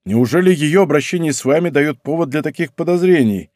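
A man voicing a gallant young king, speaking in soft, tender tones in an audiobook reading. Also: on the high side, animated, fairly quick, no room sound, lightly acted. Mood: insistent. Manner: soft, tender murmurs turning firm.

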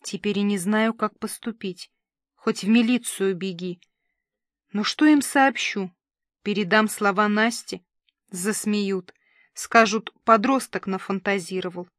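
A woman's voice: mid-range voice, unhurried, no room sound, clean studio sound, natural voice. A woman reading the lines of a worried, weary middle-aged neighbor who talks in a gloomy, matter-of-fact way.

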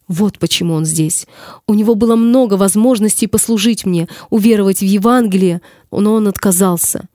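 A woman's voice: medium pitch, normal speed, dark tone, no echo, studio quality, close to an everyday voice. Woman reading as solemn Jesus. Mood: grave. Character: Jesus, calm grave male savior speaking. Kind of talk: audiobook reading.

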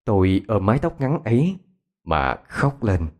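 A man narrating a ghost story in a dramatic, expressive way. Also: fairly low pitch, a little slow, a little hiss or hum.

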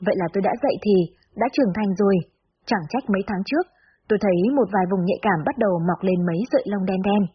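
A woman narrating a story aloud in the first person, in steady storytelling manner. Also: mid-range voice, very fast. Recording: slightly dull recording with faint hiss.

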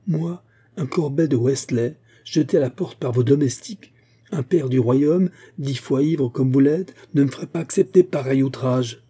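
A man voicing a proud, cold young gentleman who speaks stiffly and haughtily, pitched above his own voice. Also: breathy edge, natural voice.

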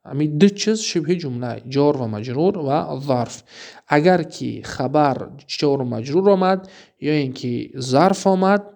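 Gravelly-voiced man teaching Arabic grammar. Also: fairly high pitch, lively intonation, darkish tone. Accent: Tajik-inflected Persian. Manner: reads Arabic examples slowly, then explains quickly with questions to the listener. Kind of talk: recorded lesson explaining a textbook.

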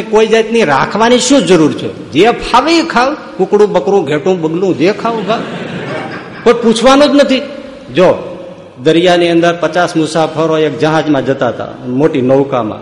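A man giving a spiritual discourse, telling stories and firing off sarcastic, humorous rhetorical questions. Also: sits high. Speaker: preacher. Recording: echoey hall.

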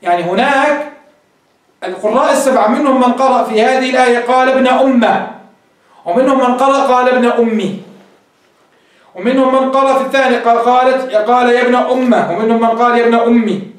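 Guy teaching grammar, really high voice, talks fast, quizzes the class. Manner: explains step by step, quizzing students. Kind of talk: classroom lecture. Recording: echoey room, voice from far off.

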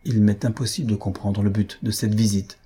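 A man reading an audiobook, voicing a composed, dignified young woman who speaks in a measured, stern and formal way. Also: fairly low pitch, steady tone, dark tone, breathy edge. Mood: dignified reproach.

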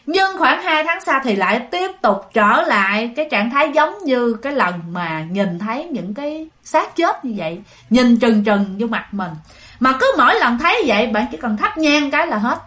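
A woman's voice: a little high, sing-song, normal speed, fairly bright tone. A woman telling a ghost story in a chatty way, speaking directly to her listeners. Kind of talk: casual storytelling.

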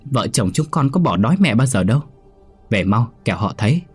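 A man's voice: sits low, fairly quick, breathy edge, faint music behind. A man playing an anxious pleading village son. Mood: urgent, pleading. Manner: urgent and pleading. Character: worried middle-aged village son.

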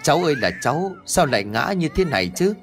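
A man's voice: a little high, big pitch swings, fast, fairly bright tone, faint music behind, voice pushed up. A man voicing an anxious old grandmother who asks in a shaky, pleading voice. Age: older.

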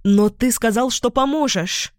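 A woman's voice: mid-range voice, measured pace, dry recording, studio quality, close to an everyday voice. A woman voicing a young woman possessed by a demon, haughty and cruel, who turns scornful or sugary in an audiobook. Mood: furious, scornful. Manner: scornful, shifting to sugary flattery.

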